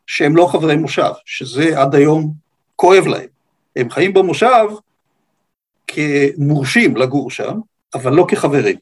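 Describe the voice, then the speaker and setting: Speaking as a guest, an older Israeli man who grew up on a kibbutz gives an unscripted historical account in halting, deliberate phrases. His accented voice is slightly husky and on the high side.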